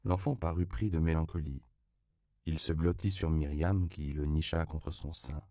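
A man narrating an audiobook in a measured, steady reading style. His voice is very low and gravelly, with a dark, mellow tone. The recording is dry and close, with no room sound. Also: no room sound. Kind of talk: scripted narration.

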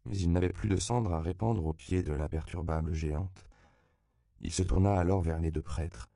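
Low raspy guy reading a novel out loud, smooth, dry close mic. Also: moderate pace, dry recording. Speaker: audiobook narrator. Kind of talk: scripted narration.

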